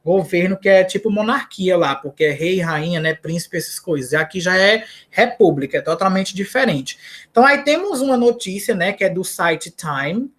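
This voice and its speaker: A woman's voice: fairly low pitch, animated, moderate pace. A Brazilian woman teaching English to students in a recorded lesson, explaining words step by step and checking in with "né?" and "tá?". She has a Brazilian Portuguese accent. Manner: explains false cognates, corrects herself, asks "né?" and "tá?".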